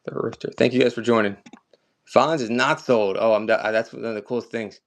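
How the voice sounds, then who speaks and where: A man's voice: mid-range voice, steady tone, fairly quick. A man running a live collectibles auction stream, chatting casually and upbeat with viewers as he sells items.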